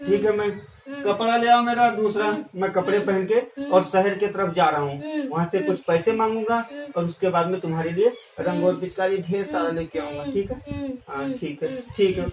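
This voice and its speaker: A man's voice: sits high, normal speed. A man acting as a poor father who humbly pleads for a little money. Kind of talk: amateur short-film acting. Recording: echoey, far from the mic, crowd behind.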